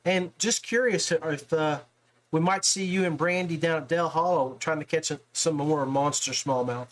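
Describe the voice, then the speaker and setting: The audio is poor as a man hosting a podcast chats informally and folksily with a guest about the guest's fishing hobby. His voice runs on the high side, at a normal pace.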